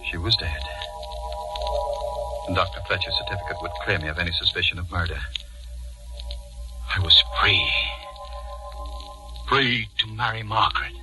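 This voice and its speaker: A man with a low-sitting voice plays a haunted, guilty judge in a 1940s radio drama, recounting his crime with mounting panic. He's only lightly acted, speaking at normal speed with long pauses, yet his delivery is intense and dramatic and the mood brooding and tense. The old recording is rough, with music.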